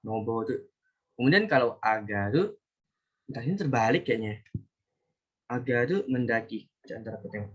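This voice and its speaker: A man teaches an online language class in a loose, chatty way, often stopping to fix his own slips. His voice sits at an ordinary pitch. The sound is dull and lo-fi, as if it comes through a computer mic on a call. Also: expressive, normal speed, pauses often, slightly rough. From Indonesia. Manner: chatty, self-correcting, talks to students directly. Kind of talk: casual online class lesson.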